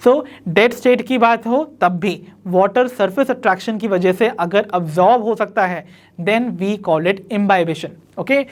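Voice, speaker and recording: A woman giving an online biology lecture, slowly dictating definitions and often checking that students follow. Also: medium pitch. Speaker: biology teacher. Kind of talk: online exam-prep lecture.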